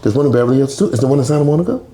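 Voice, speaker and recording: A man's voice: medium pitch, rapid-fire, roomy sound, a little hiss or hum. A man hosting a live stream, reading an article aloud and breaking in with crude, joking comments. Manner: profane, joking, reacts loudly between read-out lines. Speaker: streaming podcast host. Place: home streaming setup.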